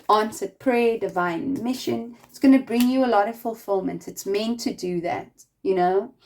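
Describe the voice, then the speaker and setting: A woman reads tarot cards to her viewers in a loose, chatty way. She rambles and fills her sentences with little fillers and tag questions. She speaks warmly and directly to the listener, urging them on, in a voice of middle pitch. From not American. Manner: chatty and rambling, full of "like" and "right?"; encouraging, speaks straight to the listener. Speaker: tarot reader. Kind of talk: casual spiritual tarot reading to viewers.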